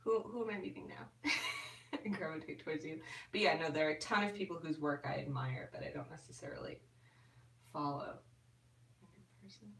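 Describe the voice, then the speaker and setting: A woman hosts a casual live stream, answering viewers' comments in a chatty, easygoing way full of little fillers. Her voice sits a little low. She sounds set back from the microphone in a roomy, echoing space. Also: fairly quick, fairly bright tone. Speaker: ASMR YouTuber answering live chat. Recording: roomy and distant from the mic.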